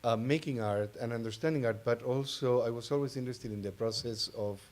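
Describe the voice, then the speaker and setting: Introducing himself during an informal panel talk, a man who works as an art advisor speaks with hesitation and a relaxed manner. A native Spanish speaker with an Argentine accent, he has a mid-range, darkish voice and talks fairly quickly.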